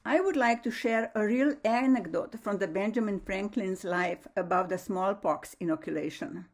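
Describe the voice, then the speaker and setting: A woman from Slovenia delivers a prepared science lecture in a measured, formal manner. Her phrasing is slightly non-native, and her voice sits at a middle pitch. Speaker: lecturer, astrophysicist.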